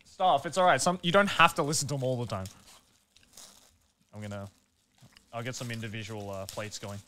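A man's voice: medium pitch, fairly quick, pushed and bright, a little hiss or hum. A young man in casual stream banter, wry and exasperated as he runs the tasting. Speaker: stream co-host.

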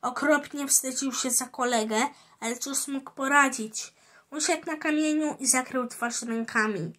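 A woman reading a children's storybook aloud, halting, with slips and restarts. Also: high-pitched, fairly bright tone. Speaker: reader.

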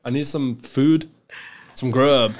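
A man's voice: mid-range voice, takes it slowly, crowd noise. A man, a guest scooter rider joking around in a casual podcast chat. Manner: playful, jokey with slang. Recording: noisy room.

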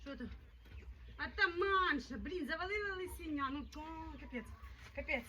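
A woman's voice: sits high, expressive, moderate pace, pushed and bright, slight background noise. A woman dog breeder in a casual vlog, talking playfully and in baby talk to her puppies, laughing now and then.

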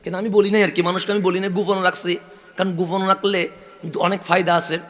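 A male preacher from Chittagong with a Chittagonian accent, giving a sermon at a religious gathering. He asks the crowd rhetorical questions in a call-and-response style and builds up to loud, drawn-out climaxes. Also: sits high, level tone. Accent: Chittagonian Bengali. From Chittagong, Bangladesh. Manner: repetitive, call-and-response delivery.

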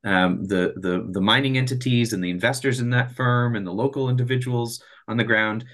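Answering questions on a video call, this man in his thirties, a presenter developing a space project, explains things earnestly and often starts his sentences over. His medium-pitched voice is fairly even and bright and moves a little fast, picked up by a computer mic in a small home or office room.

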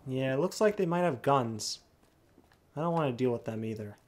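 A man's voice: mid-range voice, lively intonation, normal speed, lightly acted. A man voicing a nervous, naive and eager young errand-runner, stammering and gushing as he role-plays through a video game. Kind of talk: role-play gameplay commentary in character.

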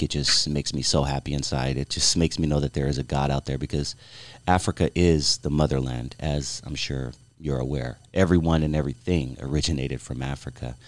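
A man chatting with a phone scammer in a playful, mock-friendly way, feigning sensitivity and warmth. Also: very deep voice, no echo. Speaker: prank caller. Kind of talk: mock-friendly prank call chat.

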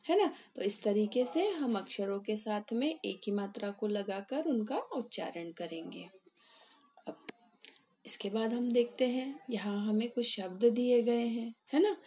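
Slow, patient woman teaching young children. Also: mid-range voice, warm tone. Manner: repeats questions and drawn-out words for children. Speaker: primary school teacher. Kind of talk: slow classroom lesson.

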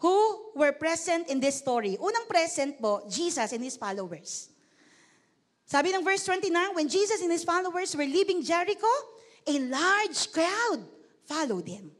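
A woman pastor from the Philippines preaching a lively sermon in church. She keeps calling out questions to the congregation, speaks politely, and switches between Tagalog and English. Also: extremely high pitch, measured pace. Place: church service.

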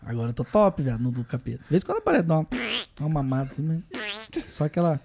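A man's voice: on the high side, sing-song, fast talker, creaky, a little mellow. A man with a Brazilian accent in casual podcast chat, rambling and joking with sudden exclamations and swearing. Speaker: podcast guest comedian.

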